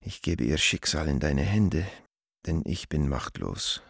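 Heavily acted and sing-song, the very low voice of an anguished middle-aged letter writer pleads anxiously with an old friend in a radio drama. He speaks formally and gravely in measured, urgent phrases, his fairly bright tone recorded close and dry without echo.

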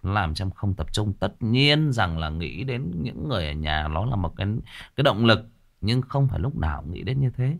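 A man giving blunt big-brother advice in a casual livestream, animated and sometimes mocking. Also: lowish voice, brisk, vocal fry. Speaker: streamer giving life advice.

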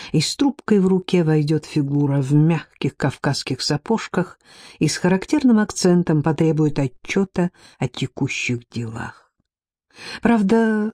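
A man reading an audiobook aloud in a measured, unhurried way, lowering his voice for the characters' dialogue. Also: warm tone, no room sound, clean studio sound. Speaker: narrator. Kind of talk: audiobook narration.

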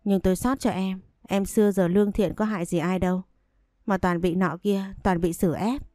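A woman voicing a stern, blunt grown man in a spoken story, firm and measured. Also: mid-range voice, steady tone, dark tone, dry recording, close to an everyday voice. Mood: gentle.

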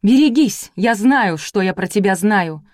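A woman's voice: medium pitch, animated, moderate pace, a little mellow, no echo, clean studio sound, close to an everyday voice. A woman reading aloud, voicing a spiteful, sly village gossip with a terse, biting manner.

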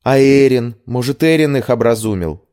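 A man's voice: mid-range voice, lively intonation, moderate pace, a little mellow, clean tone, pitched above the performer's own voice, natural voice. A man voicing a proud, upset young noble heroine in an audiobook, speaking in emotional, pleading questions.

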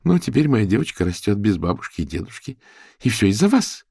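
A man's voice: lowish voice, sing-song, brisk, creaky, darkish tone, slightly rough, no room sound, clean studio sound, full character voice. A man voicing a bitter, paranoid young single mother who speaks in a venomous, accusing way.

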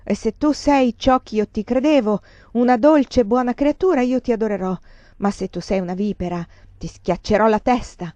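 A woman's voice: medium pitch, fairly quick, warm tone, no echo, lightly acted. Woman reading as an impassioned possessive suitor. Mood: commanding. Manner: impassioned, pleading and commanding. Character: desperate, possessive male suitor, pleading then domineering. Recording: dry, slightly dull lo-fi recording.

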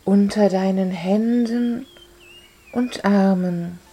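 A woman narrating a guided relaxation in a soft, dreamy, soothing voice, calmly and with long pauses. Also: mid-range voice. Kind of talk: guided relaxation, scripted fantasy-journey narration.

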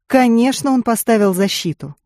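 A reader voicing a gruff battered female agent. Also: a little high, animated, moderate pace, a little mellow, no echo, clean studio sound, pitched above the performer's own voice, close to an everyday voice.

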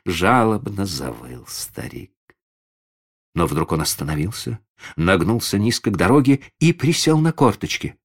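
A man reading a classic story aloud in a measured, theatrical storytelling manner. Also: on the low side, big pitch swings, husky. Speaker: audiobook narrator.

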